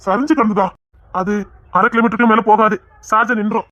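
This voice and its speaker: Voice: medium pitch, fairly even intonation, fast, pushed and bright, no room sound, dull audio. A reader voicing the men of a dramatic family story, urgent and questioning. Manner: urgent, questioning, rough colloquial. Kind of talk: dramatic audio story reading.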